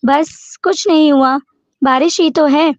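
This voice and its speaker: A woman's voice: high-pitched, a little mellow, no echo, highs cut off. Woman reading as a stern protective man. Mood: gentle. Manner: stern, scolding. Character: stern protective young man, strict husband.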